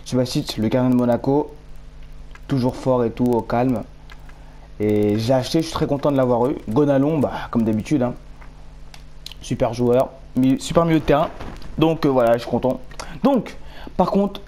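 A young man, a gaming YouTuber, talks casually to viewers while showing off his video game team. His mellow, medium-pitched voice moves at a normal speed, but he pauses often, rambles, hesitates, and keeps correcting himself.

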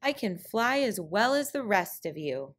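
A woman voicing a boastful, eager male coyote in a storybook trickster tale, excitable and pleading. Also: medium pitch, a little slow, pitched above the performer's own voice.

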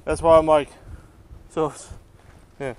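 A young man filming a ghost hunt outdoors at night, reacting loudly and questioning a ghost app. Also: fairly high pitch, little pitch movement, slow, slight background noise, rough recording. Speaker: ghost hunting vlogger. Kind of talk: casual night exploration vlog. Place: outdoors at night on old hospital grounds.

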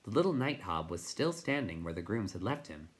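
Teacher guy reading a book out loud, really lively sing-songy narrating. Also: fairly low pitch, brisk. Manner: expressive storybook narration. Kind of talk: read-aloud storytelling.

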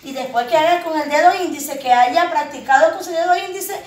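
A woman preschool teacher giving an online phonics lesson, talking to small children in a slow sing-song with drawn-out words and coaxing questions. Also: sits high. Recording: echoey room, voice from a distance.

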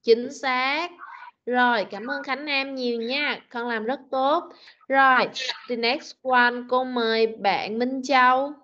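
Vietnamese lady teacher on a video call, slightly high voice, drags words out slow, dull muffled audio. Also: pushed and bright. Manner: patient, corrective, slow repetitions. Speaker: English teacher. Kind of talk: online class drilling pronunciation. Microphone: computer mic on video call.

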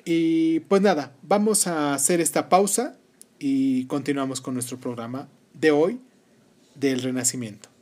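A man with a slightly high-pitched voice hosts a history podcast. He reads narration and speaks informally to his listeners. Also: measured pace. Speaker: podcast host. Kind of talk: history podcast, partly read narration with casual asides.

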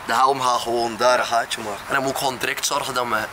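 A man's voice: medium pitch, fairly even intonation, fast. A man bantering casually and jokingly, sometimes slipping into English. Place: outdoors. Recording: noisy outdoor recording with vehicle sounds.

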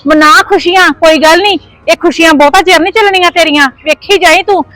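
A woman playing a shrill scolding mother-in-law. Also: fast, a bit bright, no echo, faint music behind, rough recording. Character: scolding quarrelsome mother-in-law, shut out of the house. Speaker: actor. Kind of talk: village family drama acting.

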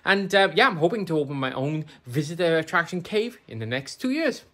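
In a casual home tour video sent in by a viewer, a middle-aged woman jokingly pokes fun at herself while showing her indoor room of old computers, filmed on a phone at arm's length. Her voice is deep, sing-song and fairly bright, and she speaks briskly.

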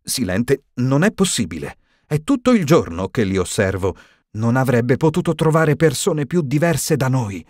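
A man voicing a stern elderly female professor in an audiobook, higher and tremulous, shaken and indignant. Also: very animated, normal speed, a little mellow, no room sound, studio quality, lightly acted.

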